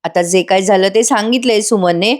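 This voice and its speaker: A woman's voice: mid-range voice, moderate pace. Chatty woman recapping a TV episode. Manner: chatty, addresses the viewers. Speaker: serial review narrator.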